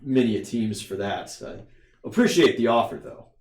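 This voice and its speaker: A man playing a self-important tournament official in a tabletop game, speaking in a measured, formal, hesitant way. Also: lowish voice, animated, darkish tone, natural voice. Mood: hedging, obliging. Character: male tournament official, stuffy, hedging, self-important dignitary. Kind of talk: tabletop role-play. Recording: roomy echo.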